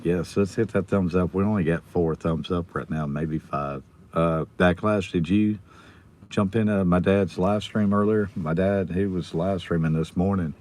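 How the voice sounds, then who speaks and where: An American man with his voice nearly gone, chatting casually and quietly as a livestream host while sitting in a car. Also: low voice, moderate pace. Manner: subdued, holding the volume down. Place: inside a car in a school pickup line. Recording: noticeable background noise in a car.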